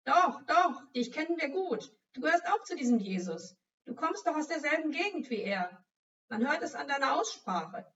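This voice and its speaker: Woman doing mocking crowd voices, storybook reading, loud taunts, high pitched, dull distant recording. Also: big pitch swings, moderate pace. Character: jeering crowd of servants, mocking and aggressive.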